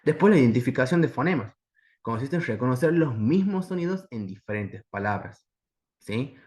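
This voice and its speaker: A man's voice: medium pitch, lively intonation, moderate pace, darkish tone. A man from Argentina giving a teacher-training lecture over slides, explaining step by step and often asking his listeners whether they follow. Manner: explanatory, keeps checking in with a tag question.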